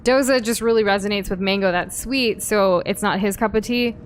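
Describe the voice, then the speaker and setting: A woman's voice: medium pitch, brisk, a little hiss or hum. A young woman from the United States co-hosting a game stream, chatting candidly and reading viewer comments, with lots of fillers and restarts. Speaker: streamer co-host. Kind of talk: casual gameplay chat reading viewer comments.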